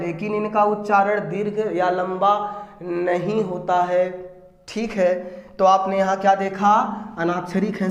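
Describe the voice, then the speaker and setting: A man with a fairly high voice gives an exam-prep grammar lesson, putting questions to his listeners and answering them at once. His voice rings in a roomy, echoey space. A low mains hum sits underneath. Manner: asks the class questions and answers them himself, repeating key terms; addresses listeners as "bandhu" and "bhaiya". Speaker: Hindi teacher.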